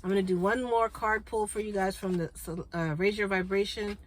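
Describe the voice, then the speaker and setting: A woman hosting a spiritual card reading for her viewers, chatty and congested, clearing her throat and often checking in with "okay?". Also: mid-range voice, fairly even intonation, a little fast, low-quality recording. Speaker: spiritual card reader and channel host.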